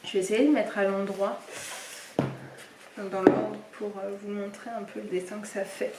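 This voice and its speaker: A woman's voice: medium pitch, little pitch movement, normal speed, very noisy. Young woman rambling about her books, lots of ums, roomy echo, bit far from the mic. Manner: chatty, rambling with many fillers. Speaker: book vlogger. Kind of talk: casual reading vlog chat. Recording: echoey room, somewhat far from mic.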